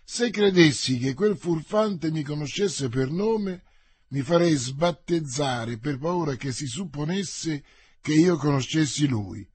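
A melancholy nobleman, voiced by a male narrator in an audiobook, measured and solemn. He speaks slowly, and the husky voice is recorded dry. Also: a little high, expressive, darkish tone, no echo, full character voice. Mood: grave. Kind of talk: audiobook reading.

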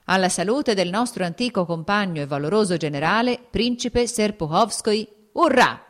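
A woman voicing a hearty male regiment commander who shouts his toasts and orders. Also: medium pitch, animated, fast, pitched above the performer's own voice, close to an everyday voice. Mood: rousing.

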